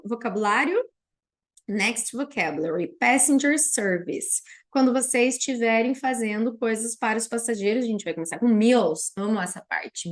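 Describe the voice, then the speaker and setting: Slow, high-voiced Brazilian teacher woman. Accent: Brazilian Portuguese from Paraná. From Paraná, Brazil. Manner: drills English words slowly and repeats them for learners. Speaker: English teacher. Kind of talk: online vocabulary lesson.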